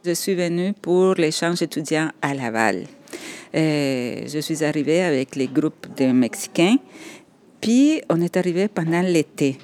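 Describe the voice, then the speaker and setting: This podcast interview guest, a Spanish-speaking woman by first language, tells stories from her past in a low, somewhat mellow voice. She is animated yet unhurried, reflective, and given to pausing and laughing.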